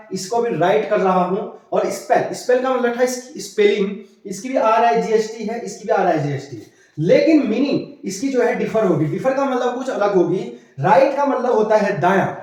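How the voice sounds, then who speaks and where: Male grammar teacher, high voice, very roomy echo, walks through each point with self-answered questions. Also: darkish tone. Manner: explains step by step with rhetorical questions. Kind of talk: classroom-style lesson. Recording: very echoey room.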